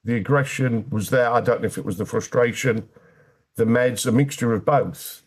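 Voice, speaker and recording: A man's voice: mid-range voice, normal speed, slightly rough. A British man speaking as an interview guest, telling his personal story candidly in a plain-spoken way with dry, wry humour.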